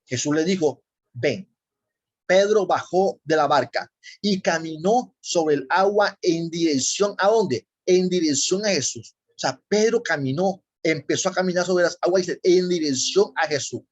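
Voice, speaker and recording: A man preaching a sermon, often pausing to ask his listeners rhetorical questions. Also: high voice. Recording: slightly dull lo-fi recording.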